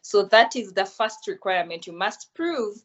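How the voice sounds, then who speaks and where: A young woman answers interview questions in a calm, explanatory way. Her voice sits at a middle pitch. She is heard through dull, lo-fi video-call audio. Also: moderate pace. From Uganda. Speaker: guest.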